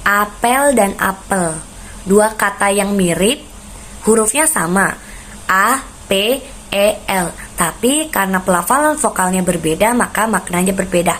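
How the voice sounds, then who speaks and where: A woman giving an instructional lecture, setting out her points in order in a measured way with deliberate pauses. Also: medium pitch, animated, fairly bright tone. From Indonesia. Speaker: lecturer presenting a course module. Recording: noticeable background noise.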